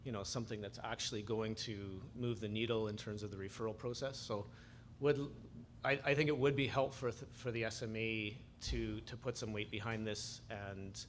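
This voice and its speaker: A man's voice: on the low side, fairly even intonation, normal speed, slight background noise. A man, a physician delegate, speaking from the floor of an assembly, often stammering and repeating words.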